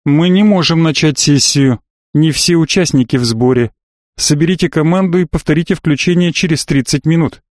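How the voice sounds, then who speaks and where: A calm, impersonal ship's computer, voiced by a man, announcing in a formal, measured tone. The voice sits a little lower than the reader's own and sounds dry and close, with no room echo. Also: close to an everyday voice.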